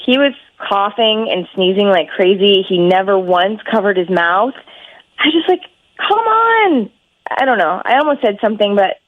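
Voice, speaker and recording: A woman's voice: mid-range voice, dry recording. Woman on speakerphone, tinny phone sound, dry and close, blunt and kinda fed up, says like a lot. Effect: heard over a phone line on speakerphone. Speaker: radio call-in guest. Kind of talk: casual phone chat.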